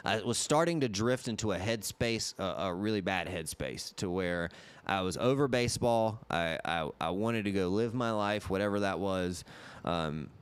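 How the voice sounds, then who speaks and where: A low, smooth-voiced man spins a long story as a podcast guest. He stumbles, restarts and repeats himself in easy conversation, close on a boom mic in a podcast studio. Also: animated, moderate pace. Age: 30s. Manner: rambling, many restarts and repeated words. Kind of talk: casual storytelling.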